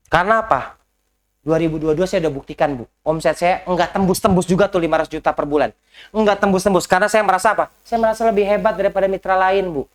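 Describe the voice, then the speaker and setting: In a house, a lively business coach with a high-pitched voice delivers a motivational coaching talk to a group. He speaks right to the audience, peppering it with rhetorical questions and English business phrases.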